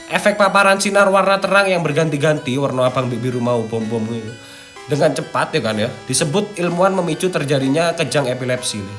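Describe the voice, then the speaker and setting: Over background music, a young male host with an East Javanese accent chats casually, switching between read-out script and slangy asides. He speaks a little fast in a voice that is on the high side and a bit bright.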